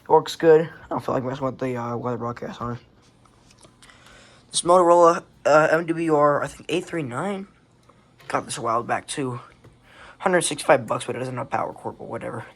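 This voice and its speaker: Using a handheld phone, a hobbyist casually presents his radio collection, rambling along offhandedly with plenty of swearing. His voice is medium-pitched and fairly quick.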